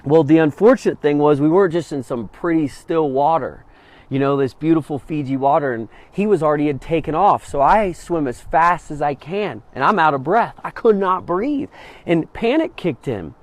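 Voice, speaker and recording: A man speaking to an audience, telling a personal story and then urging listeners on, swinging between hushed and emphatic. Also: a little high, animated, moderate pace. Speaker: motivational speaker. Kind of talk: inspirational talk to an audience.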